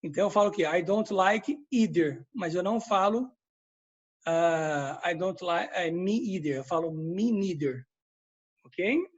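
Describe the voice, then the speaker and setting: Brazilian-Portuguese-speaking man teaching English slowly. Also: high voice, breathy edge, dull audio. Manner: explains step by step, checks in with students. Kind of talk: recorded class review lesson.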